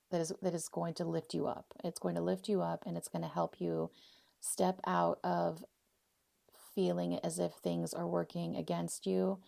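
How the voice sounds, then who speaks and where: A 39-year-old woman born in Poland and living in Arizona, US, hosts a casual, personal solo podcast in an American accent. She speaks off the cuff, her phrasing effusive, heartfelt and spiritual. Her voice is lowish, gravelly and mellow, and the recording has no echo.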